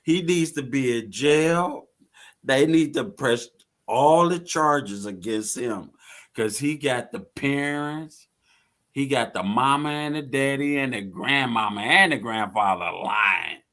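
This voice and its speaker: A man's voice: medium pitch, takes it slowly, a bit bright. A man in casual chat, playful and emphatic, arguing his point and laughing often.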